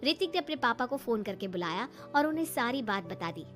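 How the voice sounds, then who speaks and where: A woman telling an animated story as scripted narration, in a steady storytelling way. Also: on the high side, brisk, soft background music.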